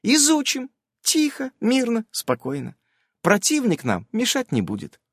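A high, squeaky young girl companion from a fantasy storybook, chirpy and bubbly, her voice bouncing lively up and down, as a male reader puts her on. The sound is dry and close. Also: measured pace, no room sound, full character voice. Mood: soothing. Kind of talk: audiobook character voice.

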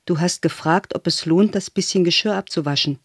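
A man's voice: high-pitched, a little fast, fairly bright tone, breathy edge, no echo, full character voice. A timid young boy voiced by a man reading aloud answers his father defensively and hesitantly. It sits close to the reader's own voice. The sound is dry and close.

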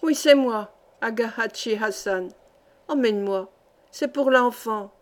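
A woman's voice: fairly high pitch, unhurried, natural voice. A woman reading aloud voices a desperate sixty-year-old peasant grandmother who pleads breathlessly for passage in a storybook. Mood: pleading.

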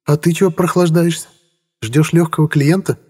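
A man voicing a cool, sharp-tongued businesswoman who speaks coldly and sarcastically. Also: a little high, steady tone, normal speed, slightly rough, voice pushed up. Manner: cold, sarcastic.

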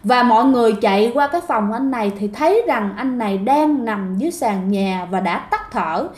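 High-voiced woman telling a ghost story. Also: lively intonation, normal speed, darkish tone. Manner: chatty, addresses listeners directly. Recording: echoey room.

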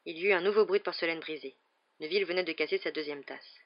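A calm audiobook narrator tells the story in an even, measured way, at a middle pitch. The recording sounds dull and lo-fi. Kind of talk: scripted narration.

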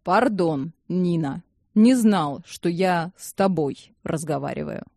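A woman reading an audiobook, voicing a sardonic older man who speaks in slow, elaborate sentences. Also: lowish voice, gravelly, warm tone, no echo, clean studio sound, voice pushed down, exaggerated voice.

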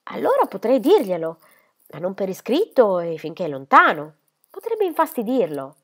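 Woman voicing a coquettish young lady, teasing and airy, lively swooping pitch, audiobook reading. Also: moderate pace.

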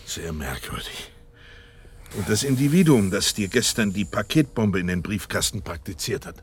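An actor as Doctor Watson, lowish and earnest. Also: male voice, animated, normal speed, natural voice. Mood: puzzled, curious. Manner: earnest, incredulous, blustering. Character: Dr. Watson, loyal, trusting, easily indignant male doctor. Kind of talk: German radio play dialogue.

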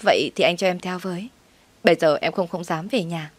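A desperate young mistress in a spoken story, pleading and wailing to hold on to her man, voiced by a woman. The voice is lowish and recorded close and dry. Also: fairly quick, no echo, natural voice.

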